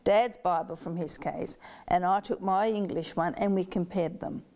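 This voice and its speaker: A woman's voice: on the low side, steady tone, normal speed, warm tone. A middle-aged woman from Yugoslavia, a guest in an interview, telling her story animatedly and acting out the voices of family members.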